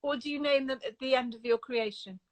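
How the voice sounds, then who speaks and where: High-voiced woman interview host. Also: fairly quick, no echo, poor audio. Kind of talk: casual interview.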